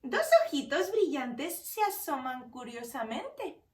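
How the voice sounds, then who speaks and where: A woman with a Spanish accent reading a rhyming picture book aloud to children in a sing-song, expressive way. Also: high voice, slow. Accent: Spanish (Spain). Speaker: storyteller. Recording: echoey room, voice from a distance.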